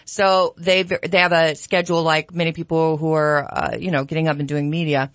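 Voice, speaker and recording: A woman's voice: low-pitched, flat delivery, normal speed, no echo. A woman radio co-host talking casually and reflectively in a rambling, ad-libbed way on a studio microphone. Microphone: studio broadcast microphone.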